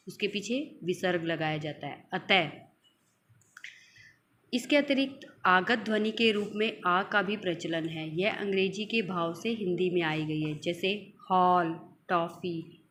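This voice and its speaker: A woman's voice: fairly low pitch, a bit bright, a little hiss or hum. A woman teacher giving a school grammar lesson, drawing out example sounds and explaining each point with repetition. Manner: slow, drawn-out example sounds, explains and repeats.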